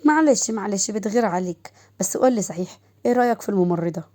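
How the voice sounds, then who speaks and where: A woman storyteller doing a brash Egyptian brother in an audio story. He jokes and ribs, in a mellow, dark tone. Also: medium pitch, animated, very fast, natural voice. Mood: joking. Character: joking brother, loud and playful.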